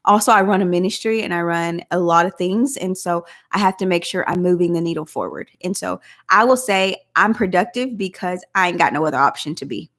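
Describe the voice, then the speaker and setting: A woman's voice: lowish voice, fairly quick, hardly any pauses, fairly bright tone. Chatty woman with a country drawl. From Southeast Oklahoma. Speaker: vlog host. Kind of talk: casual live chat.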